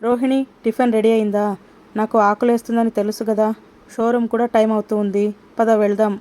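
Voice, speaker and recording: Woman doing an angry shouting young man. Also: on the high side, flat delivery, fairly quick, close to an everyday voice. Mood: impatient. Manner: loud, indignant. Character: quarrelsome hungry young man shouting at home.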